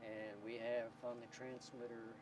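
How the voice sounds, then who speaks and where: A man with an average-pitched voice, a community CB radio station operator and announcer, explains his work in an interview. He speaks informally yet haltingly, choosing his words with care. The noisy 1990 documentary tape carries steady vehicle or generator rumble behind him.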